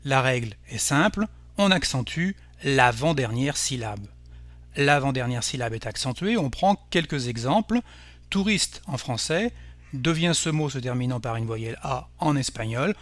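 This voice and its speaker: A man teaching a language lesson, explaining rules slowly and carefully with example words. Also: medium pitch, lively intonation, a bit bright, no echo. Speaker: Spanish teacher. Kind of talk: scripted language lesson narration.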